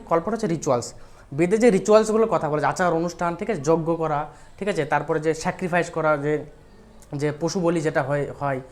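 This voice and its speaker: Woman teacher, Bengali accent, quick delivery, exam-prep lecture, asks checking questions. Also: lowish voice. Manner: explains step by step with repeated checking questions.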